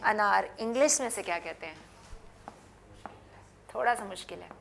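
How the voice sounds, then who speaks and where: A woman teaching English words in a television lesson, patiently repeating and spelling each word slowly for learners to copy. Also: mid-range voice, creaky, a bit bright, a little hiss or hum. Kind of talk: classroom lesson with repetition drills.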